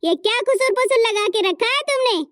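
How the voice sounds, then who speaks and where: A woman's voice: extremely high pitch, expressive, a little fast, fairly bright tone, no echo. A woman voicing a harsh middle-aged mother-in-law in a cartoon story, scolding and insulting her daughter-in-law.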